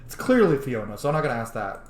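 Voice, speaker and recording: A streamer thinks aloud and roleplays while reacting to a game, his commentary casual and full of swearing. His mid-range voice swings widely in pitch and moves quickly, captured in a roomy, faintly noisy home recording.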